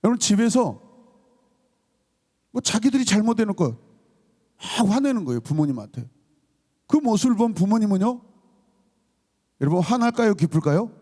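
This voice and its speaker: Lively high-voiced Korean pastor preaching. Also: male voice, moderate pace, long pauses. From South Korea. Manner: calls and responses to the congregation, acts out scolding voices. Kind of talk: sermon at a Friday night service.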